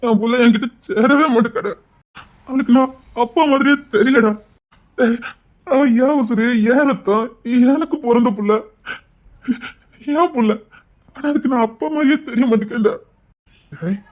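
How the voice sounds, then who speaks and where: A man's voice: very high voice, moderate pace, pauses often, slight background noise. An actor playing a heartbroken father in a TV serial drama. He confides in a friend in a heartfelt, pleading way. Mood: grieving. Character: heartbroken father whose daughter prefers another man.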